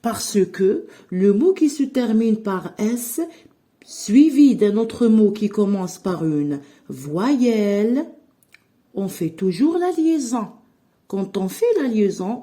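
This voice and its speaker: A woman teaching French, speaking very slowly and spelling out each verb ending letter by letter. Her voice is mellow and dark, and her pitch rises and falls a great deal as she dictates. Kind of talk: slow classroom-style grammar lesson.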